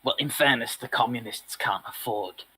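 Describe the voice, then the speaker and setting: A man's voice: mid-range voice, normal speed, sharp tone, slightly rough, rough recording. A man co-hosting a casual chat show, cracking dry, sardonic jokes. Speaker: co-host.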